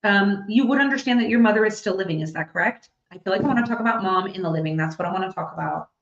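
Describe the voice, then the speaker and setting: A woman working as a psychic medium, giving a live reading to an audience and thinking out loud as she passes on messages. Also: medium pitch, rapid-fire, vocal fry. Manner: chatty, thinks out loud while relaying messages. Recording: echoey, slightly dull recording.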